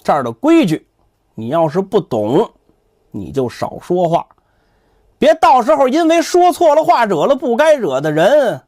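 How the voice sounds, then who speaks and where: A man's voice: high voice, wildly swooping pitch, measured pace, a little mellow, no echo, studio quality, full character voice. A man voicing a smug young temple monk who boasts, sneers and threatens in a condescending way. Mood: haughty, menacing.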